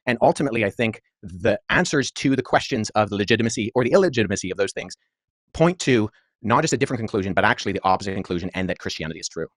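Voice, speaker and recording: A man in his thirties with a lowish voice talks quickly but in a measured, articulate way. He is a historian guest in a podcast debate. The sound is dry and close, with no room behind him. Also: animated, dry recording. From Pakistan-born, raised abroad. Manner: articulate, measured, many asides.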